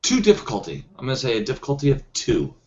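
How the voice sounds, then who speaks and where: A man acting as game master in a tabletop role-playing game, thinking aloud as he goes, with frequent pauses and restarts. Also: mid-range voice, huge pitch swings, a little mellow. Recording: dull lo-fi sound.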